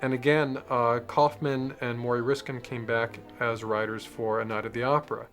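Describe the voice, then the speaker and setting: Brief: male film historian, gravelly and even-toned, measured. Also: mid-range voice, soft background music. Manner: measured, self-correcting. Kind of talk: informative commentary.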